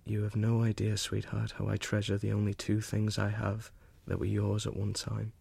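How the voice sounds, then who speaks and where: An actor giving a gentle, earnest reading as a young soldier writing love letters to his sweetheart from the front. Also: lowish voice, monotone, normal speed, vocal fry, breathy edge, no echo, heavily acted. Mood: tender. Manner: earnest, gentle, softly intimate.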